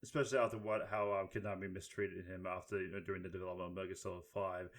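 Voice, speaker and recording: Fast-talking man with a low voice. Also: level tone. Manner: rapid, halting, many fillers and restarts. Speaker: podcast co-host. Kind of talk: casual chat.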